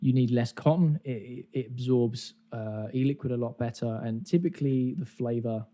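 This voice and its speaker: Mellow man hosting a podcast. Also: medium pitch, moderate pace. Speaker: podcast host. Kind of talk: casual explanatory chat.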